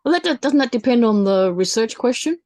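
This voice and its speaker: A woman historian talking informally in an academic discussion, halting and qualifying what she says. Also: a little high, expressive, darkish tone. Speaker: historian and researcher.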